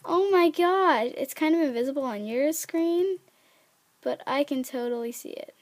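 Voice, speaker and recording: A woman giving casual, excitable commentary while playing a game, chatty and prone to squeals. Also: high-pitched, normal speed. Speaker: gaming video creator.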